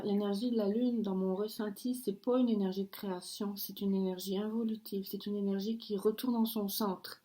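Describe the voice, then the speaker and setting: A woman's voice: mid-range voice, warm tone. A woman giving a channeled oracle card reading in an earnest, firm way, often breaking off and restarting her sentences. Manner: earnest, halting, with frequent restarts and apologies; firm, warning tone. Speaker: spiritual card reader.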